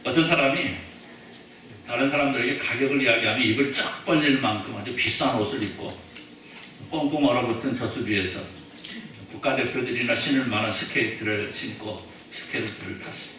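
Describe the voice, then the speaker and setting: A man's voice: medium pitch, brisk, background noise. A male pastor preaching a sermon in a chatty, joking way, often putting questions to the congregation. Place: church sanctuary. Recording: echoey church hall, mic at a distance.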